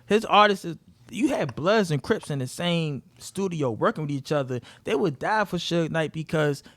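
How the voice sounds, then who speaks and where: A man's voice: on the high side, expressive, normal speed, dry recording. A man co-hosting a podcast, talking emphatically and over the others in a casual debate. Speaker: podcast co-host.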